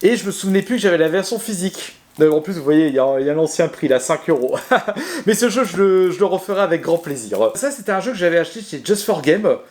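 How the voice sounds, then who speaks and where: A man's voice: sits high, big pitch swings, fast, darkish tone. A man casually showing his video game collection to his viewers, chatty and hesitant, with many fillers, restarts and self-mocking laughs. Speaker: gaming video creator. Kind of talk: casual talk to camera.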